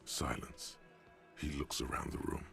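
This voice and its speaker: A man voicing the measured narrator of a detective video game. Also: fairly bright tone, faint music behind, close to an everyday voice. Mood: calm.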